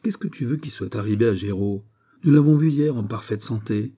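A man's voice: fairly low pitch, a little fast, dark tone. A man voicing an impatient husband who brushes off his wife's fears in a brusque, exasperated way. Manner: brusque, shrugging, mildly exasperated. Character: impatient, dismissive husband eager for the theatre.

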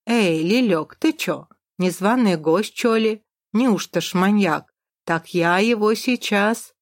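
A woman's voice: medium pitch, takes it slowly, no room sound, studio quality, close to an everyday voice. A woman reading aloud and voicing a local drunk man who talks in rustic slang. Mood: eager. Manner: rustic slang, gruff eager. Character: local drunk man, rough folksy speech.

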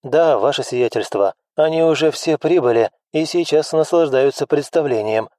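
A man's voice: on the high side, moderate pace, warm tone, dry recording, voice pushed up, close to an everyday voice. A man voicing a tense male steward who reports in a strained, formal way.

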